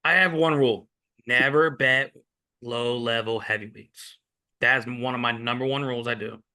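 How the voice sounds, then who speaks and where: A man's voice: medium pitch, fairly even intonation, normal speed, bright, forceful tone, smooth. A man co-hosting a sports betting podcast, talking in a rambling, opinionated casual way. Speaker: podcast co-host.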